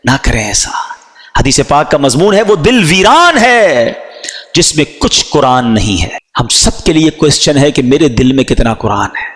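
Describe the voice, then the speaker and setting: A man preaching a passionate sermon, swinging between emphatic highs and low asides, slipping English words into his speech. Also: expressive. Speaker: Islamic preacher. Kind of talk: impassioned Urdu sermon. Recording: long hall reverb.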